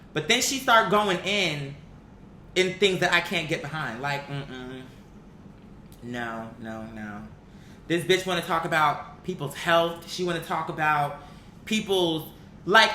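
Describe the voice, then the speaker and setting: Her voice sits fairly low with a sharp tone. As an online commentator she's blunt and opinionated, exasperated and emphatic, cursing freely and making her case through rhetorical questions, recorded in an echoey room with faint noise behind her.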